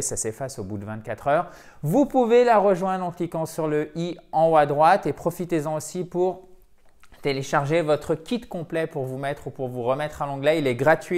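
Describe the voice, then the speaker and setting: A man teaching a video lesson for French speakers, lively and repeating words to drill their pronunciation. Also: on the high side. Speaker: English teacher.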